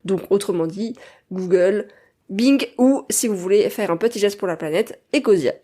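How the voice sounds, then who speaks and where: A woman hosts a podcast and chats with her guest in a friendly, explanatory tone, now and then breaking into a light laugh. Her voice sits at an ordinary middle pitch. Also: normal speed, mellow. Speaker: podcast host. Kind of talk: podcast interview.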